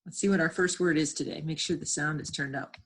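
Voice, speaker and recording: A woman's voice: sits low, fast, slightly rough. A woman teacher giving a lesson from home, patiently sounding out words and encouraging her class.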